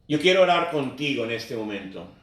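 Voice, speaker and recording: A man's voice: mid-range voice, big pitch swings, fairly quick, a bit bright. A man preaching a sermon, earnestly repeating phrases and speaking directly to the congregation. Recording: very echoey, voice far from the mic.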